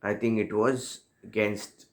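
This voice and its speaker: A man's voice: lowish voice, level tone, slow pace. A man from India casually telling a personal story as a football fan, reflective and rambling, with many fillers and self-corrections.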